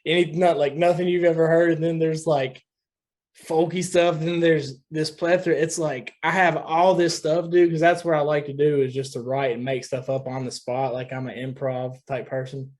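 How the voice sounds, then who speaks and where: A man's voice: fairly high pitch, fairly even intonation, normal speed, a little mellow. A young man from West Virginia, a guest musician talking loosely in a casual podcast chat, often saying dude.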